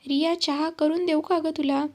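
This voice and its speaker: A woman's voice: sits high, steady tone, moderate pace. A woman voicing a caring nanny who comforts a crying young mother. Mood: concerned. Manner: soothing, motherly.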